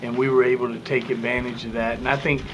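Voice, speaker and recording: Middle-aged coach with noise behind him. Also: male voice, mid-range voice, little pitch movement, lo-fi sound. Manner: measured, thinking aloud with fillers. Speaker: head baseball coach. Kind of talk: postgame press conference. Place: press room before a sponsor backdrop.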